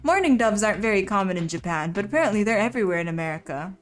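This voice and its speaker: A woman's voice: mid-range voice, expressive, very fast. A young woman streaming a visual novel, playfully reading its narration and lines aloud. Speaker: game streamer.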